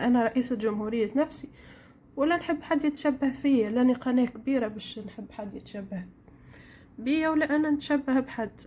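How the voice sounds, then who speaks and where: Tunisian lady rambling on while she cooks, high mellow voice. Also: fairly quick, slight background noise. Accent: Tunisian Arabic. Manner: chatty, rambling storyteller. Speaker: home cooking vlogger. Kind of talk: casual chat while cooking. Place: home kitchen.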